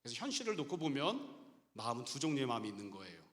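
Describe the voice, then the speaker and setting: Middle-aged man, pastor, sermon, lively swooping pitch, emphatic rhetorical questions, long church-hall reverb. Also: very fast. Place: church sanctuary.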